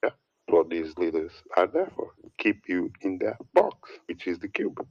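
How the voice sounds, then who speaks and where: At a measured pace, this religious commentator's sing-song, darkish voice carries a heated, rambling sermon full of repeated words and lists, with mocking impressions in a put-on high voice. The audio is lo-fi with no echo.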